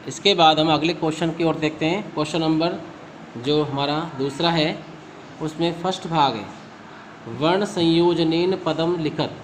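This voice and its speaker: A man's voice: on the high side, a little hiss or hum. A male school teacher giving a recorded class lesson, patiently asking questions and answering them himself. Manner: addresses students as beta.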